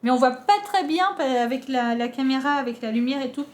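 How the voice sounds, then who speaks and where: A woman's voice: high voice, a little fast. A French woman chatting casually as a book vlogger, unboxing with many fillers and restarts.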